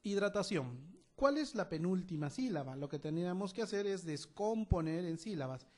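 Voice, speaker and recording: A man's voice: high voice, expressive, moderate pace. A man with a Peruvian accent teaching a grammar lesson and checking in with listeners as he explains. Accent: Peruvian Spanish. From Peru. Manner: instructive, repeats "¿no es cierto?" after each point.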